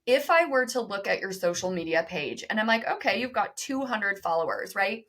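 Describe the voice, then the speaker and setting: An energetic woman speaking as a podcast guest. She talks emphatically and directly, pressing her points to the audience with quick bursts. Her voice sits at an ordinary pitch for a woman. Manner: emphatic, direct, fast-talking, addresses listeners. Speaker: podcast guest, business co-founder. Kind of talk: energetic interview talk.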